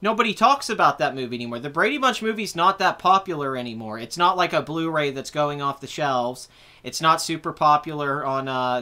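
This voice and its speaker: Bright-voiced young man in casual chat. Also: on the high side. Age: 20s. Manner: rambling, self-correcting, answering viewer comments. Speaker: host. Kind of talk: casual live chat about movies.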